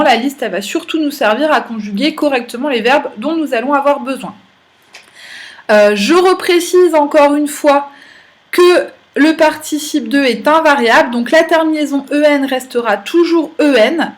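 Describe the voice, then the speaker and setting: A woman teacher giving a recorded German grammar lesson, explaining patiently with small fillers. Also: high-pitched.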